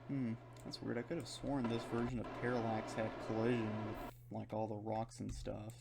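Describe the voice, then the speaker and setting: A man's voice: lowish voice, flat delivery, normal speed, creaky. A man giving casual, unscripted gameplay commentary, rambling and thinking aloud as he plays in his room. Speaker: gaming video host. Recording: running fan noise behind voice. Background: fan hum, keyboard and mouse clicks.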